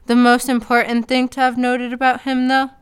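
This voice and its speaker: A woman's voice: sits high, completely flat delivery, moderate pace, smooth. A woman narrating a comedic story in a casual, sarcastic way. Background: faint background music.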